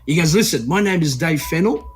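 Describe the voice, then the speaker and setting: A man, a radio interview guest telling a long personal story in a rambling, animated way with many restarts. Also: fairly high pitch, fairly quick, slight background noise. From Australia.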